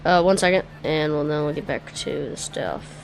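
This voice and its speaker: A woman's voice: low voice, moderate pace. A woman streaming a racing game, chatting casually and muttering to herself as she drives and talks to chat. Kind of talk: casual livestream commentary while racing. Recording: loud background music over voice. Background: background music.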